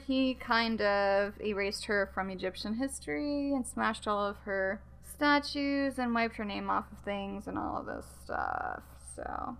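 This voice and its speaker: A woman hosting a podcast in a casual, chatty way, often laughing and filling pauses with ums and uhs. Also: fairly high pitch, gravelly, a bit bright, smooth. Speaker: podcast host. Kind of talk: casual chat.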